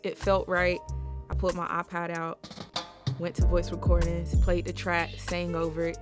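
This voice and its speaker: A woman's voice: lowish voice, normal speed. Young woman telling a story, faint music. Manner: animated, acts out her own thoughts while telling the story. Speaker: singer and songwriter. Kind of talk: casual behind-the-scenes storytelling.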